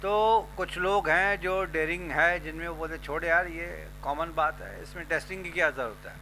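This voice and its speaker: A man's voice: fairly high pitch, moderate pace, bright, forceful tone, a little hiss or hum, rough recording. A man from India, a news presenter, explaining at length and persuading people, mixing Hindi with English phrases. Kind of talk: explanatory talk and street interviews.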